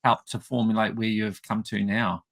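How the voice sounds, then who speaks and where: Male interview host, lower voice, gentle encouraging questions. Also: steady tone, moderate pace, creaky. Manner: gently encouraging, brief acknowledgments.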